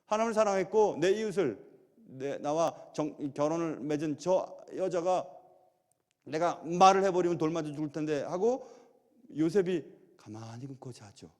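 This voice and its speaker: A middle-aged man preaching a sermon as pastor, animated and full of rhetorical questions. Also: on the high side, normal speed. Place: large church sanctuary. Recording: long church hall reverb.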